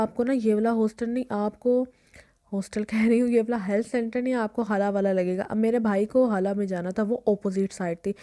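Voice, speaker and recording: Young woman vlogger, slightly high voice, chatty and rambling. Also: warm tone. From Pakistan. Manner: chatty, rambling, keeps restarting with "anyway". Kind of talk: casual storytelling vlog.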